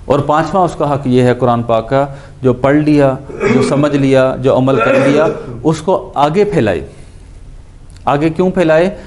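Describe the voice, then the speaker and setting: A male teacher giving a grammar lesson at an ordinary middle pitch. He explains step by step, repeats each verb form as he drills it, and slips English words into his explanations. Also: darkish tone. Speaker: Quran and Arabic grammar teacher.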